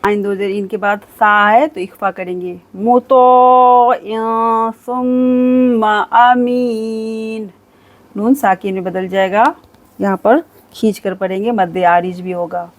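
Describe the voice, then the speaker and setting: A woman teaching Quran recitation rules, reciting each phrase slowly and drawn out, then explaining each rule in quick, patient instructions. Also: mid-range voice, steady tone. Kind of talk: tajweed lesson, recitation with explanation.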